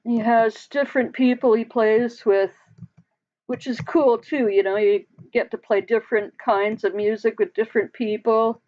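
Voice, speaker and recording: A woman's voice: fairly high pitch, steady tone, moderate pace, highs cut off. A woman hosting a casual live chat with her viewers, talking in a loose, rambling way with frequent laughs and trailing sentences. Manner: chatty, laughs often, trails off mid-sentence. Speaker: livestream host.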